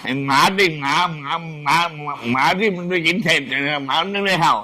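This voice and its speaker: A man's voice: fairly high pitch, fairly quick. An older man, a senior monk, telling stories casually in a rambling old man's way, often repeating his words. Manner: animated. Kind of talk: casual storytelling.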